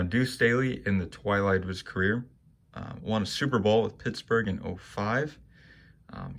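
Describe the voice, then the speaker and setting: A young man casually talking through his sports card pickups, relaxed and rambling with plenty of fillers. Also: on the low side. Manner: relaxed and rambling, many ums and likes. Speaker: sports card collector vlogger. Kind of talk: casual monologue showing cards.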